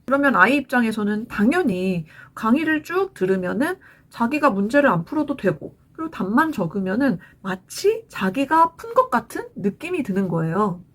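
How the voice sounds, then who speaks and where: A woman in her forties, a parent vlogger giving chatty advice to other parents in a scripted talk to camera. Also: a little high.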